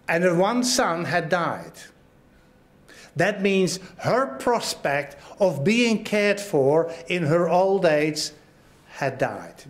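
A pastor preaching a sermon, earnest, often repeating phrases and asking his listeners if they understand. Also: fairly high pitch. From Australia. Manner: earnest, repeats phrases, asks the congregation questions.

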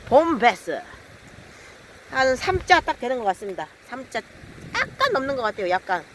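A lively fishing vlogger narrates a casual solo vlog outdoors by the water, his voice extremely high-pitched and his pace moderate. He mocks himself, swinging between mumbled apologies and loud, frustrated outbursts, in a noisy outdoor recording.

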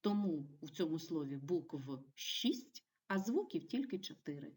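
A woman teaching a primary school video lesson, giving clear and encouraging instructions to young children. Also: deep voice, very animated, measured pace, darkish tone, far from the mic. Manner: clear, encouraging classroom delivery.

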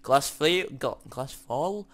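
A man giving excitable, sweary commentary while playing a game, muttering to himself as he goes. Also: fairly high pitch, slow. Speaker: gaming YouTuber. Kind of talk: casual let's-play commentary.

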